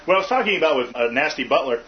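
A man's voice: a little high, lively intonation, rapid-fire, crowd noise. A man hosting a podcast in casual chat, joking and rambling with fillers. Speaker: podcast host. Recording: muffled lo-fi with faint hiss.

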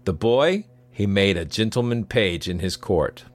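A man reading a traditional tale as a scripted, expressive storybook narration. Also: on the low side, unhurried.

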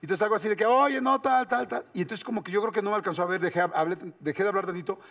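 A man's voice: sits high, rapid-fire. A man with a Mexican accent telling a comic story in casual chat, acting out the quoted lines. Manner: animated, acts out quoted lines. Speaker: show regular.

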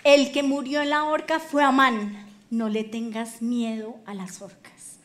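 A woman pastor preaching a sermon, telling the story in a lively way with colloquial humor. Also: a little high, a little slow, a little hiss or hum.

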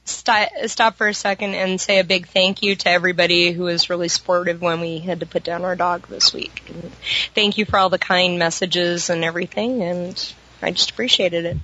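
A woman's voice: lowish voice, steady tone, a little fast, pushed and bright, muffled recording. A woman podcast panelist talking in a casual, chatty style. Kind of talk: casual chat.

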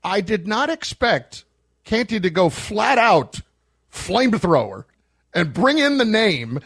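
Male radio host, high-set voice, casual banter, wryly amused and teasing. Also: very animated, takes it slowly, a bit bright, slightly rough.

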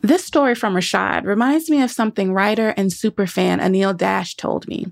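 Female podcast host: mid-pitched narration with vocal fry, dry studio sound. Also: normal speed, dry recording. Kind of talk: scripted podcast narration, some conversational interview.

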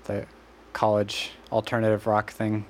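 A man's voice: fairly low pitch, completely flat delivery, unhurried, a little hiss or hum. Casual male podcast host asking questions. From Western Massachusetts. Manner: friendly, curious questioning. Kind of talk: casual interview.

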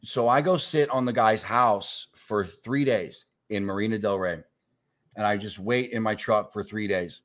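On a talk show, a guest in his forties tells a long, casual anecdote, swearing freely and animatedly acting out both sides of each conversation. His voice is fairly low and his pace measured.

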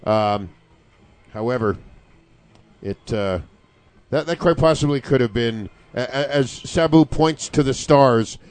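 A man's voice: mid-range voice, slow, pauses often, darkish tone, clean tone, dry recording. A man giving analytical wrestling commentary in a casual chat, with wordy, mock-formal, sardonic phrasing.

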